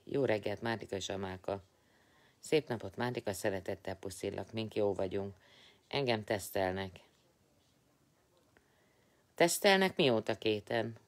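A tired man hosting a casual live stream, chatting, teasing and greeting viewers by name. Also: lowish voice.

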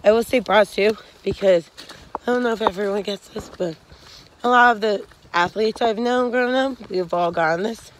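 A woman's voice: medium pitch, normal speed, a little hiss or hum. A young woman giving frank hiking advice in a casual vlog, rambling with many fillers, filmed on a phone at arm's length on a wooded trail. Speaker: hiking vlogger. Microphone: phone held at arm's length.

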